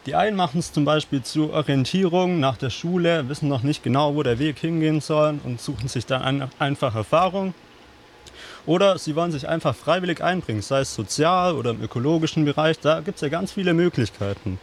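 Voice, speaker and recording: A young man talking as a guest on a radio show, explaining things in a relaxed, plain way. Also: on the high side, fairly quick, slight background noise. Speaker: guest volunteer. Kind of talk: casual radio chat.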